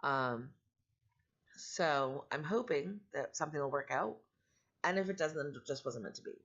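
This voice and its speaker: A middle-aged woman vlogging casually in a candid, rambling, matter-of-fact way, her voice growly and roughened by allergies. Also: low voice, lively intonation, moderate pace, a bit bright, muffled recording. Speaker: vlogger and foster parent. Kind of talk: casual personal vlog talk.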